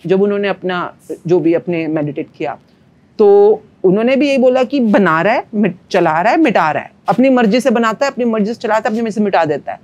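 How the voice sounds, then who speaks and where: A woman's voice: mid-range voice, expressive, fairly quick, a little mellow, dull audio. A woman, a manifestation coach, speaking as a podcast guest and explaining ideas in an earnest, teacherly way with everyday analogies. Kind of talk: spiritual podcast conversation.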